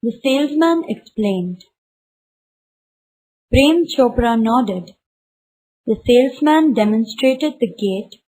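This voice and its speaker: A woman, reading a textbook story aloud slowly and carefully for a class. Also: fairly high pitch, mellow, poor audio. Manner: slow, careful read-aloud.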